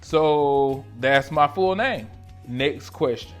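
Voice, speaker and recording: A playful man in his late thirties chats straight into a close camera, slangy and loose. He swings from loud, excited bursts to low, mumbled asides. Faint music plays underneath. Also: takes it slowly, clean tone. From North Carolina, USA. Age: 30s. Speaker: esthetician vlogger. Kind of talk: casual question-and-answer vlog. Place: small room lit by colored lights. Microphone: camera in front of him at close range.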